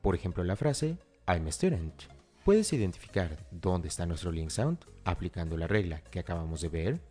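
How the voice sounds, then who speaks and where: A man's voice: low-pitched, big pitch swings, normal speed, mellow, soft background music. A man giving a scripted language lesson, explaining step by step and speaking directly to the learner. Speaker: English teacher. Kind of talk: scripted tutorial narration.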